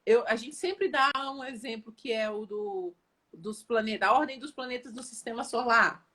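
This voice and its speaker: A woman with a somewhat high, husky voice talks casually to her audience on a live stream. She explains things with lively energy, often repeating herself and checking that her listeners are following. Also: normal speed. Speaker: educator and guest on an Instagram live.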